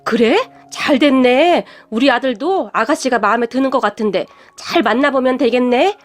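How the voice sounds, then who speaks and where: A woman voicing a feisty middle-aged mother who shouts and scolds in a story. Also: high-pitched, normal speed, lightly acted. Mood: coaxing. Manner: shouting, bossy, wailing.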